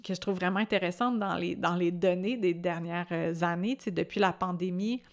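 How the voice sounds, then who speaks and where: A woman's voice: on the low side, steady tone, brisk. A woman in her late thirties with a Québécois French accent, hosting a podcast in a chatty, reflective monologue and laughing often. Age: late 30s. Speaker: podcast host.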